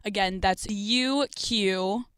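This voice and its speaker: Brief: mid-pitched twenties woman, brash crude podcast co-host, very dry close mic. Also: takes it slowly, fairly bright tone, smooth, no echo. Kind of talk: casual chat.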